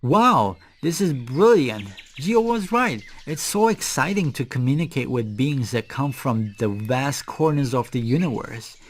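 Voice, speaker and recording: A man with a Turkish accent voicing a small, eager young male butterfly in a children's theatre story, sounding excited and wide-eyed. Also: mid-range voice, measured pace, few pauses, a little hiss or hum.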